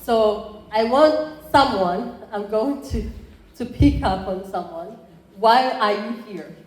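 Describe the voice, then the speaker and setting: A Rwandan woman in her thirties, chair of an entrepreneurship program, gives a conversational conference presentation in a Rwandan accent, speaking slowly in a fairly high voice with frequent fillers and restarts. The conference room sounds roomy, with faint background ambience.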